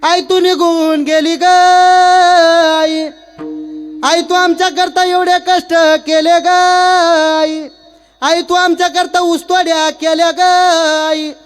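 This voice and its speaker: A man's voice: very high-pitched, flat delivery, slow pace, soft background music, pitched above the performer's own voice. A man doing a wailing village daughter. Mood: sing-song wailing. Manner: sung lament, drawn out. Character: wailing village daughter mourning her mother.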